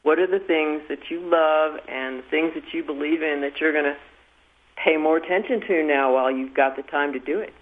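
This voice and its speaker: A woman calling into a radio show, asking her question in a warm, encouraging way. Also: low voice, normal speed. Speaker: caller. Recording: tinny phone line.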